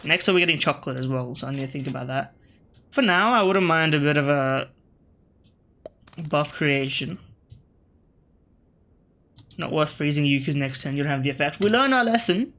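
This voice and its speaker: Talking casually over his gameplay, a male gaming video creator speaks with an Australian accent influenced by British media, in a bright, forceful, slightly high voice. He reasons aloud, self-corrects and fires off wry asides at the players he's up against, with slight background noise in the recording.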